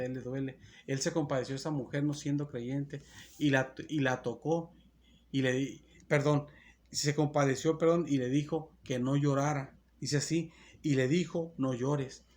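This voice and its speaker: A man's voice: fairly high pitch, a little mellow. A man preaching a sermon as pastor, earnest and repetitive, often restarting his phrases.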